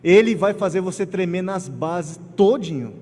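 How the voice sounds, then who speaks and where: A middle-aged man with a Pernambuco accent giving an emotional, animated spiritist lecture, telling personal stories with acted quotes. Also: high voice, normal speed. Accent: Pernambuco Portuguese. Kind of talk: lecture to a congregation. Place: large lecture hall. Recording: hall reverb with faint ambient noise.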